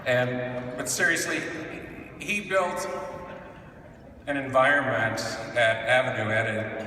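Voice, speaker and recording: Slow, echoey man giving a podium speech. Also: lowish voice, pushed and bright. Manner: halting, hesitant, with pauses. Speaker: award recipient, veteran film editor. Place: large indoor hall at an awards event. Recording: very echoey hall, distant mic, faint noise.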